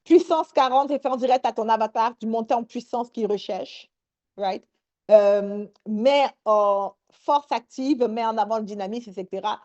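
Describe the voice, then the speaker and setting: A woman leading a live online workshop, energetic and sprinkling English words into her talk. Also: a little high, moderate pace, lo-fi sound.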